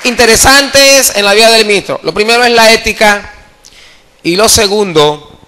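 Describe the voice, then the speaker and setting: At a church convention, a male evangelist with a high-pitched voice preaches an impassioned sermon at a moderate pace. He calls for applause and swings between loud and soft delivery.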